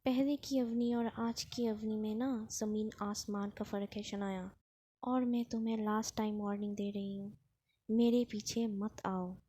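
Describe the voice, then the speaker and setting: A woman voicing an angry young woman in a spoken storybook, scolding her ex in a sharp, raised voice. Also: medium pitch, fairly even intonation, a little slow, a little hiss or hum, natural voice. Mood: cold, warning.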